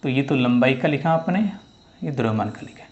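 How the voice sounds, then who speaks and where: A man's voice: medium pitch, animated, a little fast, darkish tone, highs cut off. A man teaching a physics lesson, who keeps going over the steps again and keeps asking his students whether they have understood. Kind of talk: classroom-style lesson.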